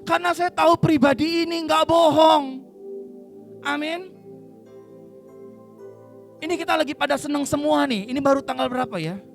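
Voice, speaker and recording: A man with an Indonesian accent preaching a sermon in a church. He preaches with lively energy, cracks jokes, leads the congregation in call-and-response and acts out the voices in Bible stories. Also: very high-pitched, moderate pace, long pauses, soft background music. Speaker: pastor.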